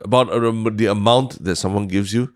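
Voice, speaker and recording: A Singaporean man chatting casually in colloquial Singlish as a podcast co-host, repeating words haltingly as he thinks aloud. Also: on the low side, fairly even intonation, a little mellow, no echo. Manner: colloquial Singlish with local particles. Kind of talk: casual chat.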